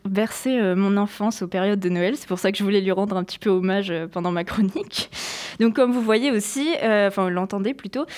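A woman's voice: mid-range voice, a little mellow. A young woman presenting a radio column in a chatty, self-mocking way, with many fillers. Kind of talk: read radio column with casual asides.

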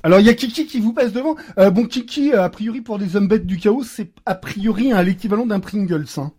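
A man with a notably high voice narrates a tabletop game as its game master. He hesitates often, filling gaps and restarting his sentences. He drops playful sound effects into his scene-setting, heard over a computer microphone on an online call. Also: brisk, a little mellow, breathy edge.

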